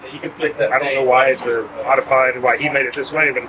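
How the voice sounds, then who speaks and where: A man who grew up with pottery, explaining in a relaxed, easygoing way and laughing easily. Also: mid-range voice, normal speed, noisy background. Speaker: potter and kiln site host. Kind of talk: casual interview. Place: outdoors at a kiln festival. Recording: outdoor festival with crowd behind.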